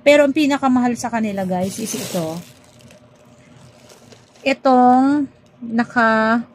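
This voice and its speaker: A woman's voice: on the high side, unhurried, poor audio. A woman chatting casually to her viewers as she unboxes toy figures, switching between Tagalog and English. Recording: clear background ambience noise.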